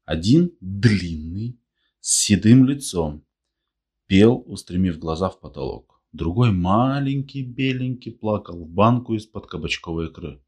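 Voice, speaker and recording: A man reads a novel aloud in a measured, even storytelling voice. His tone sits very low and deep throughout. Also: husky. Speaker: narrator. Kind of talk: audiobook reading.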